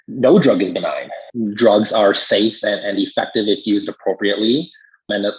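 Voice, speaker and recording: A critical care pharmacist appears as an interview guest, explaining things conversationally in a lowish, slightly rough voice and becoming emphatic whenever he agrees. The audio is slightly muffled.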